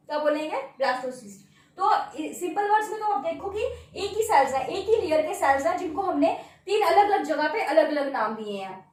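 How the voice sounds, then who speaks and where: A woman biology teacher with a very high voice, lecturing and checking in with her students again and again. She is heard from a distance, in a strongly echoing room. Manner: repeats key terms as questions and answers them; checks in often with tag words. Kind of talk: classroom lecture at a board. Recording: very echoey room, voice off-mic.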